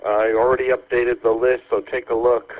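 A man's voice: mid-range voice, flat delivery, fairly quick. Man on a tinny, crackly radio. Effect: crackly two-way radio. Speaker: radio operator. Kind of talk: two-way radio check-in, casual call signs. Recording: tinny narrow-band radio.

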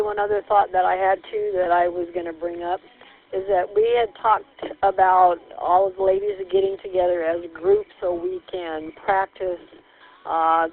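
A woman's voice: on the low side, gravelly. Woman running a walkie-talkie radio check. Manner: procedural radio talk with call signs and "copy that". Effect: heard over a walkie-talkie radio. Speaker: net control for a ladies' radio check. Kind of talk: radio net check-in chat. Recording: tinny two-way radio with faint hiss.

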